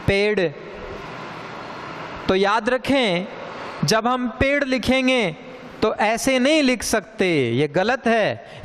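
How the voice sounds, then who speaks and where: A man teaching a grammar lesson, speaking slowly and deliberately and repeating sounds for emphasis. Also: extremely high pitch, a bit bright, clear, resonant tone. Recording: long hall reverb.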